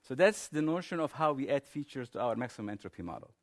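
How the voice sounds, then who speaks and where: Man, conference presenter, technical explanation, informal delivery, medium pitch. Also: expressive, fast talker.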